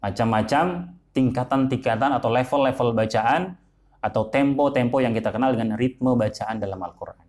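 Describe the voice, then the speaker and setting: A man gives a religious lesson on Quran recitation. He speaks at a measured pace, often repeating a word before moving on. His voice sits at an ordinary middle pitch. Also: darkish tone.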